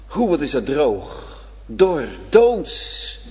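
A man preaching a sermon to his congregation, swinging between loud emphatic lines and hushed ones. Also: a little high, big pitch swings, drawn-out words, breathy edge. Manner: addresses the congregation directly. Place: church. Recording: reverberant church hall.

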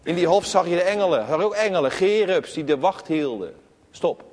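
Male preacher with a high voice, delivering an expressive sermon in a reverberant church. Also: a little fast. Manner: expressive, with many rhetorical questions.

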